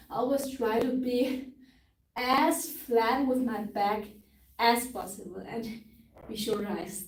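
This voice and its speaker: Here the stretching instructor's voice sits a little high with a darkish tone. She's young, a native German speaker with a Tyrolean Austrian accent, explaining each move of her live class as she shows it and occasionally searching for English words. Captured from afar in an echoey room, faint noise underneath.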